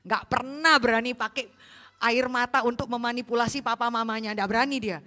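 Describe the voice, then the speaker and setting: An Indonesian woman pastor preaching in an animated storytelling way, with a somewhat high voice. She keeps slipping into quick acted-out lines for the people in her stories. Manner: lively storytelling with acted-out quotes. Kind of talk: sermon.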